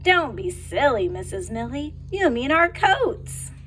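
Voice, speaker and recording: A woman voicing a class of young children who correct their teacher, in a high, drawn-out chanting voice. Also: big pitch swings, fairly bright tone, faint music behind, heavily acted. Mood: giggly.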